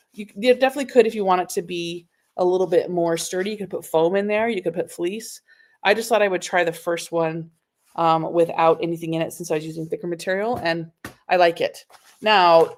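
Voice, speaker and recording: A woman hosting a live sewing tutorial, chatting casually and answering viewer comments as she works, recorded on a laptop microphone in a home sewing room. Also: lowish voice. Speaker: sewing instructor.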